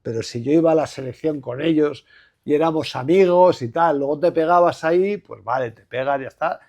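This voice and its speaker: Speaking briskly in a darkish voice on the high side, this Spanish former basketball player in his sixties, with a Madrid accent, appears as a guest in a casual interview. He wanders reflectively through his answers, with lots of fillers and restarts.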